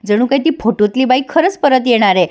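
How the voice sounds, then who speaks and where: A woman's voice: a little high, lively intonation, fast talker, darkish tone, natural voice. A woman voicing a scheming young woman who sneers and snaps. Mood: sneering.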